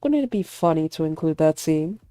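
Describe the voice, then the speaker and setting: A woman voicing a smug young male actor who teases and provokes his rival, calm and mocking. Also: sits low, normal speed, no room sound, soft background music. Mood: smug teasing.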